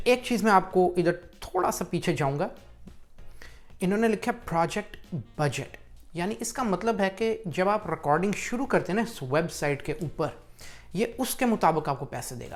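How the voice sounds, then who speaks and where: A man hosting a casual screen-walkthrough tutorial, chatty and encouraging as he talks straight to the viewer. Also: high-pitched. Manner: chatty and pep-talking, addresses viewer as brother. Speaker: YouTube tutorial host.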